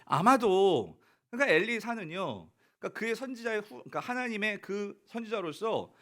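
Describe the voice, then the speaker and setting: A male pastor preaches with a high voice that leaps wildly up and down. He addresses his congregation directly, throws questions at them and acts out the mockers' taunts in their voices. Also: very animated, moderate pace, bright, forceful tone. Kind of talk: sermon.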